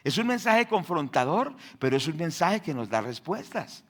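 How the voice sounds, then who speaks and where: A man preaching a sermon in church, firing rhetorical questions at the congregation and swinging between loud and hushed delivery. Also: fairly high pitch, very animated, normal speed. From Colombia. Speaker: pastor.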